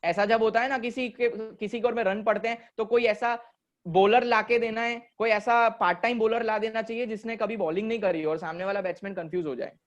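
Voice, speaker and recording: A man's voice: high voice, steady tone, fairly quick. A man teaching an online commerce class and telling a story to his students while he quizzes them. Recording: dull lo-fi audio.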